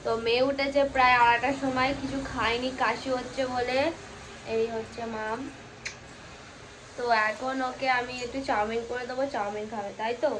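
This mother and vlogger from West Bengal narrates her kitchen chores and daughter's care for viewers in a chatty home cooking video, despite a sore throat and stuffy nose. Her fairly high, fairly bright voice stays flat at a normal speed, against slight background noise.

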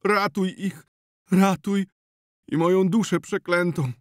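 A man's voice: sits high, steady tone, slow, no echo, clean studio sound, voice pushed up. A man voicing a panicked young male villager crying out in desperate pleas in an audiobook. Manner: desperate, pleading cries.

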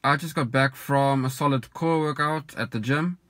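A man's voice: medium pitch, normal speed, dry recording. A young man, a cycling coach, talking casually to a phone camera while sitting in his parked car, rambling with lots of ums. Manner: relaxed, rambling with many ums. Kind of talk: casual vlog talk. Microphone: phone camera at arm's length.

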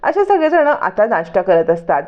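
A woman's voice: mid-range voice, sing-song, moderate pace, highs cut off. A woman retelling a television serial episode in a casual storytelling way, voicing each character's lines herself. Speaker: serial recap narrator.

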